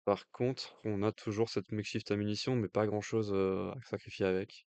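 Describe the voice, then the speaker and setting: A man's voice: fairly low pitch, steady tone, normal speed, a little mellow, clear, resonant tone, dry recording. A man with a French accent giving casual live commentary on a card game match, thinking aloud with hesitant fillers. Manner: jokey aside in accented English. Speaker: stream commentator.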